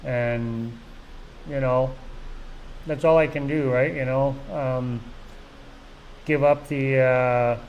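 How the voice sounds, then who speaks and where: A man's voice: mid-range voice, fairly even intonation, slow, pauses often, a little mellow, slight background noise, poor audio. A middle-aged man from Canada hosting a casual live vlog, rambling along with lots of "you know" and restarts. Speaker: vlog host. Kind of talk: casual live-stream chat.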